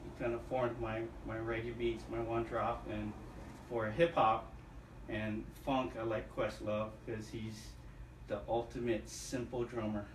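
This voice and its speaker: A man from Hawaii talking easily as a guest, often pausing with "uh" while he thinks. He sits some way from the mic in an echoey room with a light hiss underneath. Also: mid-range voice, flat delivery. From Oahu, Hawaii. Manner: easygoing, hesitant with many uhs. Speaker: guest, drummer. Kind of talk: casual interview answers. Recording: roomy far-off mic with faint noise.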